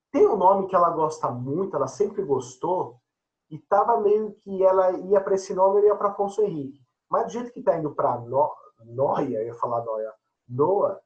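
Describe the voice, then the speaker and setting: Chatty, joking man teacher, lively pitch. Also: muffled recording. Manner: chatty, joking, addresses students directly. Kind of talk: casual online class chat.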